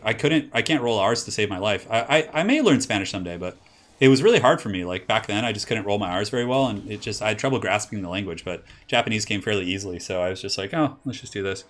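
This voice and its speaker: This streamer and caster, a young man from California, gives casual commentary on a strategy game and talks with his chat. His speech wanders, packed with "like"s and restarts, in a fairly low voice with a slightly bright quality.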